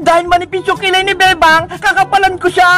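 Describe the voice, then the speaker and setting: A woman voicing a mischievous, giggling cartoon girl who squeals with excitement. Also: extremely high pitch. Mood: excited. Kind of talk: cartoon voice acting. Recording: music in the background.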